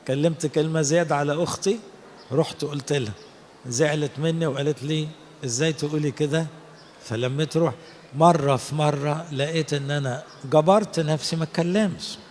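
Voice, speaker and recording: A man's voice: on the high side, darkish tone, in a large hall, slight background noise. A man with an Egyptian Arabic accent, a priest preaching a sermon and telling stories in which he acts out the people he quotes. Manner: storytelling, acting out quoted people. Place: cathedral.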